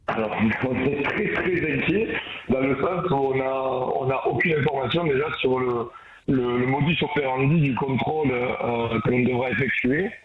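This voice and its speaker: A man's voice: mid-range voice, normal speed, a crowd in the background. A man, a restaurant owner calling in over a muffled speakerphone, talking hesitantly with many restarts. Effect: muffled speakerphone, hard to understand. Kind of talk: phone-in caller. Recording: tinny echoey phone line with faint noise.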